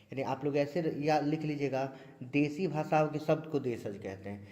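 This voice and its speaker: A man's voice: a little high, normal speed, warm tone. Man teaching grammar in a reverberant room. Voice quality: repetitive, drills points with frequent 'dekhiye'. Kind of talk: classroom grammar lesson. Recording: long hall reverb.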